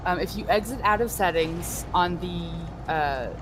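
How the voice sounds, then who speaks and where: A woman's voice: fairly low pitch, a little slow, background noise. A woman chatting casually on a gaming stream, dryly sarcastic, talking through a headphone mic. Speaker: livestream co-host.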